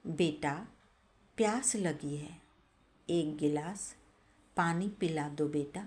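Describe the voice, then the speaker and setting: A woman's voice: low voice, slow. Woman voicing a patient loving mother. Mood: gentle. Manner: gentle and pleading, then stern and reproachful. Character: patient loving old mother, firm when needed.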